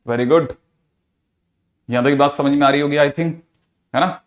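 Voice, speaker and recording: A maths teacher with a somewhat high voice runs a live online class. He reads each step aloud and checks in with his students by name. He keeps asking whether the point has landed. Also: fairly even intonation, measured pace. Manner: calls out student names, quizzes often, reads steps aloud; speaks Hindi mixed with English maths terms.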